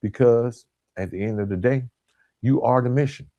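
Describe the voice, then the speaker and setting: In a motivational monologue, a podcast host speaks at medium pitch with a warm tone, though the recording is muffled. He sounds earnest and emphatic, splitting his points into short, deliberate phrases and repeating key words for impact.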